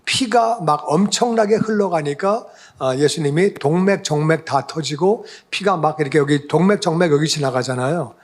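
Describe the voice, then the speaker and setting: A male pastor giving a conversational sermon, often asking the congregation questions. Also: fairly high pitch.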